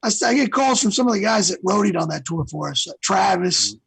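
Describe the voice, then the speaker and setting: A man's voice: high-pitched, expressive, brisk, creaky, fairly bright tone, breathy edge, no room sound, rough recording. A man guest on an interview show, chatting casually and rambling through stories with lots of fillers. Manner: rambling storyteller, many fillers. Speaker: guest singer.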